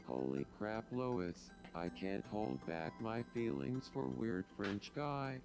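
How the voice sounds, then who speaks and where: A synthetic-sounding man's voice playing a lovestruck, dim-witted cartoon game character, earnest and creaky. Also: fairly low pitch, lively intonation, slow pace, over music, heavily acted. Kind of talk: game character text read aloud.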